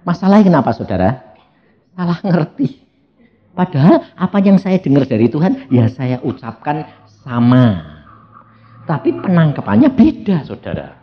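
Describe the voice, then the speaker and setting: A man's voice: fairly high pitch, big pitch swings, normal speed, highs cut off. A man preaching a sermon in a Javanese accent, telling stories with humor and often addressing the congregation directly. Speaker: evangelist preacher.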